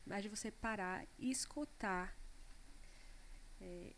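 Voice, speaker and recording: A woman speaks in a relaxed conversational way, reflective and full of small fillers. Her voice sits at a middle pitch. A faint noise hangs under the recording. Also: slow pace. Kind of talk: casual conversation.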